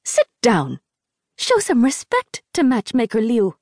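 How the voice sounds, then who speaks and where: A harsh middle-aged foster mother barks short, cold orders through clenched teeth, as a woman reading an audiobook voices her. The tone is curt and hard, with a husky, breathy edge. The sound is close and dry. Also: a little high, huge pitch swings, unhurried, no echo, pitched above the performer's own voice, full character voice. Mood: snapping. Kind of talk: audiobook character voice.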